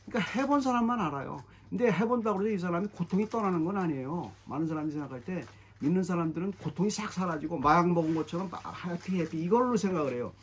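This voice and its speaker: A middle-aged man preaching a sermon as pastor, emphatic and animated, often repeating his phrases. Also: sits high, quick pace, hardly any pauses, a little hiss or hum. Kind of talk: expository sermon.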